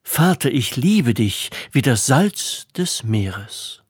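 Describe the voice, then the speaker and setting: A man voicing a young banished princess in a fairy tale, speaking earnestly and quietly. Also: medium pitch, big pitch swings, takes it slowly, husky, dry recording, studio quality, heavily acted.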